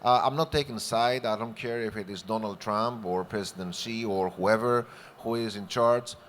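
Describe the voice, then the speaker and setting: A man's voice: on the low side, normal speed, fairly bright tone, a little hiss or hum. A man from Greece speaking on a conference panel in an expansive, good-humored way, using vivid imagery. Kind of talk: panel discussion remarks.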